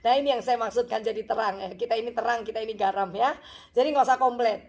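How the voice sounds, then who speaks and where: A woman's voice: on the high side, quick pace, vocal fry. A woman pastor giving a chatty, story-filled sermon at a church service, with frequent asides to the congregation.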